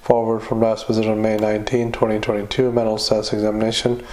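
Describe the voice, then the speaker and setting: A male doctor dictating medical notes into a dictaphone recording, halting with many fillers and self-corrections. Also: lowish voice, completely flat delivery, a little mellow.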